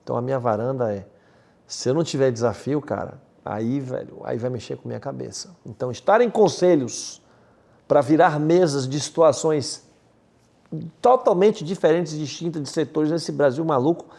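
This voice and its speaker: A man from Salvador, speaking as a podcast guest in an energetic, slangy, emphatic way. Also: medium pitch, normal speed, vocal fry. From Salvador, Bahia, Brazil. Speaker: guest, M&A advisor. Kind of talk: casual podcast interview.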